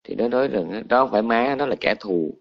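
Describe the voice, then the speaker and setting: A man, a Buddhist monk, telling a story in a colloquial, animated sermon. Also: medium pitch, brisk, gravelly, highs cut off.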